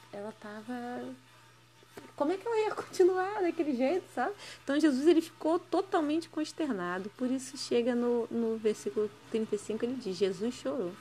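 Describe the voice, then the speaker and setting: A fairly high-voiced woman reads a Bible passage aloud and talks it through. Her commentary is casual and conversational, full of questioning tags, and it turns emphatic when she makes her point. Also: a little mellow. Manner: conversational, often ends phrases with a questioning tag. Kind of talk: scripture reading with casual commentary.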